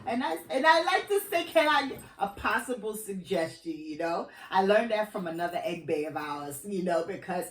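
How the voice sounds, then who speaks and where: Woman, medium pitch, animated and informal conversationalist; reverberant room, distant microphone. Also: normal speed, few pauses. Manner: expressive, interjecting, informal. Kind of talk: casual chat.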